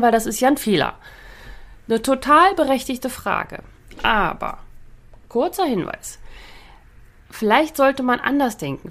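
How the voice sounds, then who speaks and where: A woman with a fairly high voice talks through a dog-training podcast episode. She keeps it loose and lively, tossing in quick "right?" check-ins and little laughs as she teaches. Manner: lively, chatty, asks "ja?" often and laughs between points. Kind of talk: casual spoken podcast lesson.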